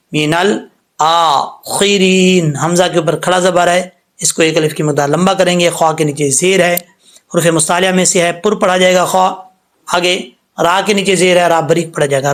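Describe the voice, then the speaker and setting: A man. He explains each rule step by step in a patient, steady way. Then he draws each word out slowly for students to copy. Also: on the high side. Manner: explains rules patiently, then slowly recites words aloud. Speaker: Quran tajweed teacher. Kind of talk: word-by-word recitation lesson.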